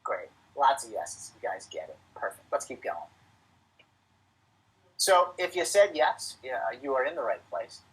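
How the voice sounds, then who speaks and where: A man's voice: mid-range voice, very animated, measured pace, fairly bright tone, slightly rough, low-quality recording. A middle-aged man presenting a live webinar to financial advisors, emphatic and coaching, repeating his key points.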